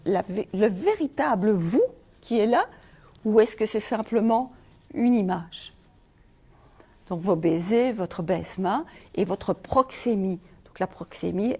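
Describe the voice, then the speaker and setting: A middle-aged Belgian woman with a Belgian French accent gives a conference talk on feng shui, posing rhetorical questions to the audience. Her voice is a little high and mellow.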